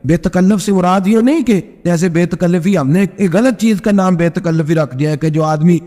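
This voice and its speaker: A man preaching a sermon in the storytelling style, impassioned, climbing to high emphatic peaks and dropping low when he quotes people. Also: warm tone. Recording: reverberant hall.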